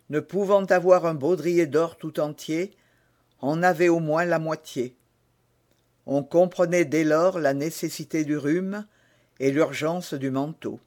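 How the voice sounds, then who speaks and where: A man reading a classic novel as an audiobook narrator, in a measured, expressive storytelling manner. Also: on the high side.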